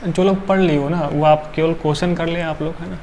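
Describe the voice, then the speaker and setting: A man's voice: on the high side, steady tone, brisk, a little mellow, a little hiss or hum. A male chemistry teacher, tired, lecturing a class and counting carbons aloud with frequent checks like "right?".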